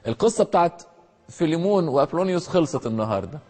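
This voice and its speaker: Brief: Egyptian-accented man retelling a martyr story, slightly high, husky, long hall reverb. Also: animated, racing, mellow, soft background music. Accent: Egyptian Arabic. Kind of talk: storytelling a saint's tale.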